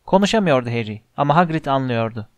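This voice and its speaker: A man narrating an audiobook in measured, scripted storytelling. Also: mid-range voice, animated, darkish tone, dry recording, studio quality.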